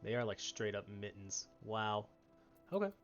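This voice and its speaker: A man's voice: on the low side, sing-song, measured pace, highs cut off. A man giving casual, offhand gameplay commentary as he streams. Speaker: game streamer reading quests aloud. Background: game music.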